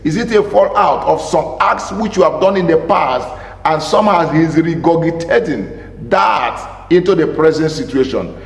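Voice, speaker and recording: A man's voice: fairly high pitch, lively intonation, moderate pace, creaky. Emphatic male pastor in a reverberant room. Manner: emphatic, repeats key phrases, asks rhetorical questions. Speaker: pastor and marriage counselor. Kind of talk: teaching talk to camera. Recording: roomy with long reverb.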